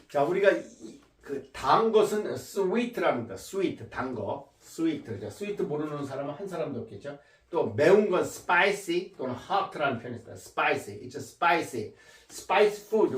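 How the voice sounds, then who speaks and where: Animated male teacher in an echoey room. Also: fairly high pitch, distant mic. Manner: repeats words slowly to drill pronunciation. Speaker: English teacher. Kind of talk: lecture.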